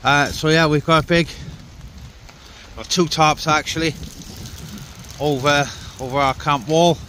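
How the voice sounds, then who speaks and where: A man handling gear at a wet forest camp chats casually to viewers, muttering asides, in this outdoor CB radio vlog. He speaks unhurriedly at a fairly high pitch, with fairly even intonation and a fairly bright tone, while the outdoor camera records clear background noise.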